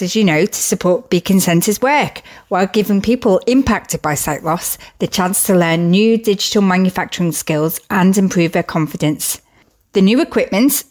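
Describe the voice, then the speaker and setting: A woman's voice: mid-range voice, darkish tone. Woman presenter, upbeat and chatty, scripted community update. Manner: chatty and upbeat, with casual asides.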